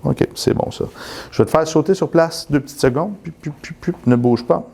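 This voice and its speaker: A man with a Quebec French accent, telling a rambling, animated story full of restarts and then guiding a postural check. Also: on the high side, brisk, creaky, slightly rough. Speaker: postural therapist. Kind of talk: casual storytelling and live demonstration.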